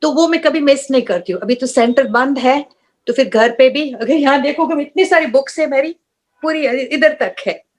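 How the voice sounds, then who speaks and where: A woman with a high voice chats earnestly. She mixes English phrases into her speech. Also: normal speed. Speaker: guest sharing experiences. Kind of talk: casual chat.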